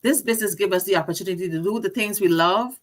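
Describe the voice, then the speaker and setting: A woman's voice: medium pitch, quick pace. A middle-aged woman from Guyana with a Guyanese accent, hosting a casual live-stream chat, talkative and given to repeating words. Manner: chatty, laughs often, repeats words. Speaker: host.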